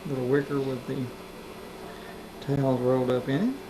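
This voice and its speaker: A man's voice: medium pitch, fairly even intonation, normal speed. A man behind the camera, casually narrating a house tour on an old VHS home video, recorded indoors on the camcorder's own mic. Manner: casual, matter-of-fact commentary. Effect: old VHS home video tape. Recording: humming, hissy old camcorder tape.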